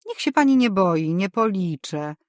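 A woman reading an audiobook, voicing a curious, nosy middle-aged landlady in a raised, louder voice. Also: very animated, a little slow, no echo, studio quality. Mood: solicitous. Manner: prying, high and loud.

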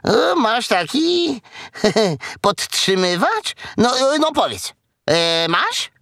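A man voicing a small excitable young piglet in a storybook reading, high and stammering. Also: extremely slow, gravelly, no echo, studio quality, full character voice. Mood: curious.

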